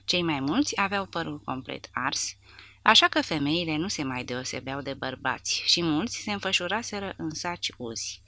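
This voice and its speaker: Woman narrator for a war audiobook; low, bright, dramatic reading. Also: no room sound. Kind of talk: scripted narration.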